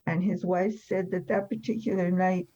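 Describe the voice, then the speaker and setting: This woman, in her seventies or beyond, was born in France and left after the war. She shares her story plainly and candidly in an interview, her low, mellow voice keeping fairly even intonation at a moderate pace, on lo-fi audio.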